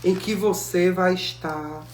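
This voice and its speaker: A woman preaching a sermon, telling the story with lively acted-out dialogue. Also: on the low side, slow pace. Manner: animated storytelling, acting out biblical dialogue. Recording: echoey room with faint music.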